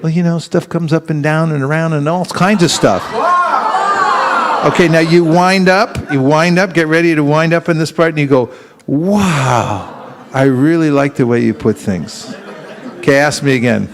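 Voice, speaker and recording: A man with a slightly higher-pitched voice is teaching a live seminar. He keeps throwing questions at the room and slips into little acted-out exchanges to show how a conversation goes. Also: normal speed, some chatter behind. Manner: keeps quizzing the audience with questions; acts out street exchanges in quoted voices.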